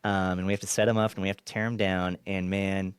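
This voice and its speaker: A man with a low, smooth, resonant voice talks loosely as an interview guest, restarting his sentences, laughing easily and dropping the odd swear. The sound is close and dry, with no room around it. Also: flat delivery, fast, dry recording. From Kansas, US. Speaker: podcast guest, former assistant director. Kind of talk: casual interview chat.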